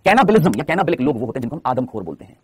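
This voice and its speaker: Rapid, animated man teaching a class. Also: mid-range voice, husky, dry recording. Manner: asks questions and answers them himself; fast, repetitive, coaching tone. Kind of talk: classroom lecture.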